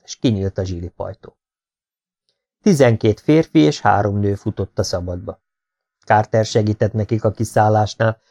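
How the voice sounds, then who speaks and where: A man reading a science fiction audiobook aloud in a calm, even narrating manner. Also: lowish voice, vocal fry. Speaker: audiobook reader.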